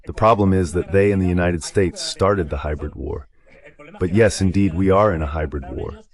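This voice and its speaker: Serving as a guest analyst, a man with a deep voice offers translated political commentary. He speaks at a normal speed in a conversational, emphatic way, keeping his pitch low from start to finish.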